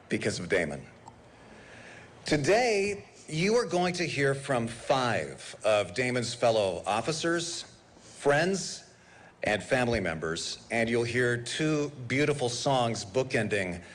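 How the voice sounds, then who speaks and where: A man, a pastor, giving a measured formal memorial address at a pulpit microphone before a large gathering. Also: medium pitch. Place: large public memorial service.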